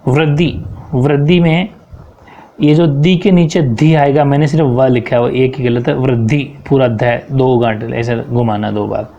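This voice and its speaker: A man's voice: medium pitch, steady tone, a little slow, dark tone, lo-fi sound. Man teaching a step-by-step grammar lesson. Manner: explains step by step, often checks in with "ठीक है".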